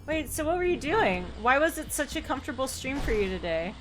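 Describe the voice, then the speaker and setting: A woman with a high, very animated voice chats fairly quickly while live streaming a video game, playful and casual in a cute, bubbly anime-streamer style that often drifts into sing-song repeats. Game music plays behind her, and the audio quality is poor.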